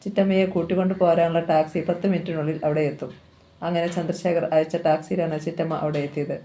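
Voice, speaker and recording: A reader narrating a novel aloud at a steady, measured pace. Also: mid-range voice, a little hiss or hum.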